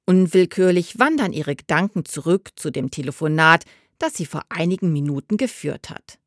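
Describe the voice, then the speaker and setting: A woman reads a novel aloud in a measured, expressive storytelling manner. Her voice is fairly low but moves widely in pitch. The sound is close and dry with no room echo. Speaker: audiobook narrator. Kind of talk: scripted narration.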